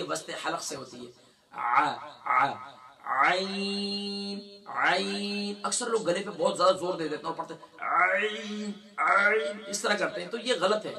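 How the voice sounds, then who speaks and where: A man in his middle years leads a recitation lesson in a bright, sharp voice. He breaks the words into slow, drawn-out sounds, chuckling between explanations. His voice sits a bit far from the mic. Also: a little high. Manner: demonstrates sounds slowly, repeating letters with drawn-out recitation. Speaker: Quran recitation teacher. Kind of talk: religious lesson with recitation drills.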